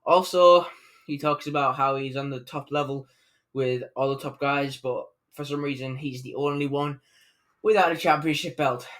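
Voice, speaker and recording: A man's voice: medium pitch, steady tone, normal speed, fairly bright tone. A man giving a casual, unscripted recap of a wrestling show, rambling along with plenty of fillers and self-corrections.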